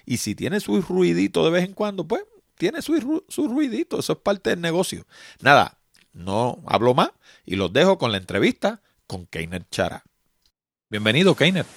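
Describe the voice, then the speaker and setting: A male podcast host with a very animated voice that swings up and down as he talks. His delivery is chatty and relaxed, full of little filler phrases. The sound is close and dry, with no room around it. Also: on the high side, normal speed, gravelly, no echo. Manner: chatty, animated, leans on the filler 'qué sé yo'. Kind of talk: conversational podcast intro and interview.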